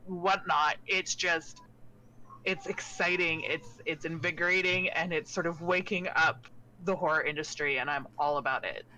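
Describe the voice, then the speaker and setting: A woman streamer in casual chat, talking with animated enthusiasm. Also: low-pitched, normal speed, rough recording.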